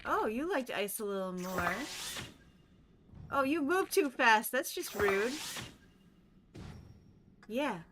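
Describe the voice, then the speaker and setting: A woman's voice: on the high side, very animated, takes it slowly, pauses often, background noise. A woman streaming a game in a casual, playful and silly way, chatting with her viewers and the characters on screen. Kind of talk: casual gameplay livestream chat.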